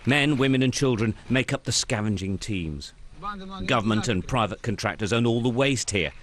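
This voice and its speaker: A man's voice: lowish voice, fairly bright tone. Grave older male reporter. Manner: measured, grave delivery. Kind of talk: news report narration.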